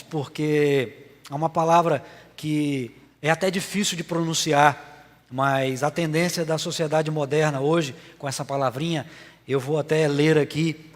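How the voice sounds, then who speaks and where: A Brazilian man, a church elder, preaching a sermon in an earnest, halting way with frequent filler pauses. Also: a little high. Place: church sanctuary. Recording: long reverb of a church hall.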